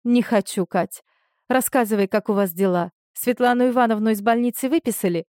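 A woman's voice: on the high side, steady tone, fairly quick, dark tone, clean tone, no echo, clean studio sound, natural voice. A woman voicing a weary, guarded wife. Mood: subdued. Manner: subdued, guarded.

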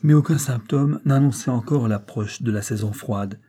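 A man narrates a classic novel with a mellow, dark voice at an ordinary middle pitch. His reading is measured, and he lifts his tone for the characters' lines. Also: breathy edge. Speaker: audiobook narrator.

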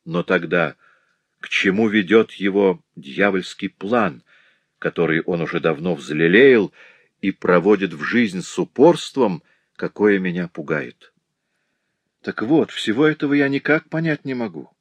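A fussy, prudish concierge, played by a male reader mutters worries to himself in a low voice. He turns indignant and raises his voice in protest. The sound is dry and close, as in an audiobook. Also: expressive, unhurried, no echo. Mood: brooding. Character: fussy, prudish middle-aged male porter, easily flustered.

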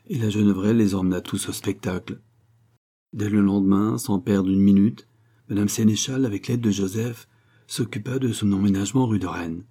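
Male narrator, low and mellow, steady expressive novel reading. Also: breathy edge. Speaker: audiobook narrator. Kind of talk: scripted narration.

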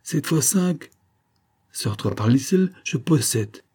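A man's voice: expressive, takes it slowly, mellow, husky. A man voicing a delirious, grieving sick woman who cries out shrilly and repeats herself. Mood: anguished. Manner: shrill, repetitive, wailing.

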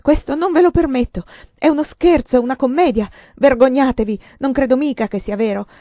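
Woman narrator voicing an overwrought young woman in a storybook reading, strained near tears, mellow tone, dull lo-fi sound. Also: on the high side, moderate pace, no echo, pitched above the performer's own voice, lightly acted. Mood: furious.

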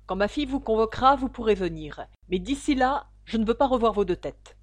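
A woman reading the part of a fierce old male farmer and protective father, with a forceful, raised voice. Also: high voice, very animated, normal speed, voice pushed up. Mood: furious.

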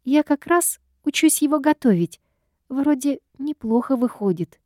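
A woman voicing a flustered young woman, a meek, chattering younger sister who squeaks her words. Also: animated, unhurried, dark tone, no echo, clean studio sound.

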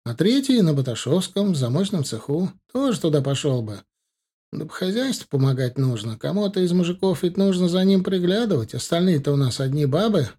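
A brash peasant boy, boastful and eager, with a raised, chattering, folksy voice, as a male audiobook reader puts him on. The boy sounds loud and pushy, with a slight huskiness in his tone. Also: on the high side, very animated, brisk, slightly rough, voice pushed up, heavily acted. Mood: chatty.

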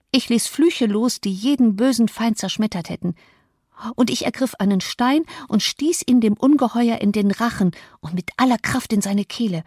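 A woman reading a classic novel aloud as an expressive, dramatic first-person narration. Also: medium pitch, gravelly, dry recording, clean studio sound. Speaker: audiobook reader. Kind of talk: literary audiobook narration.

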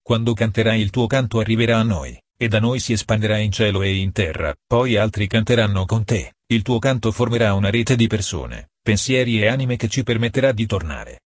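A man voicing a calm, stern male archangel guide who speaks in a firm, unhurried, commanding way. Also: on the low side, no echo, studio quality. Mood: solemn.

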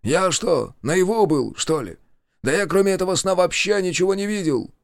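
A man voicing a frightened, spiteful stranger with a hoarse, taunting delivery. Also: high voice, lively intonation, normal speed, no room sound, voice pushed up.

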